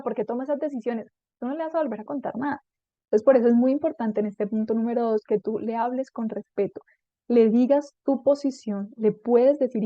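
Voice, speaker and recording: A middle-aged woman with a higher-pitched voice hosts a parenting podcast, giving advice as a parenting coach. She's talkative and acts out little dialogues in quick voices. The recording is dry, with the highs cut off.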